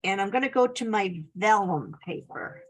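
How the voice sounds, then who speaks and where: A woman's voice: medium pitch, normal speed. A woman giving a casual, chatty scrapbooking tutorial, upbeat and full of little laughs. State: slight cough. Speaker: scrapbooking instructor.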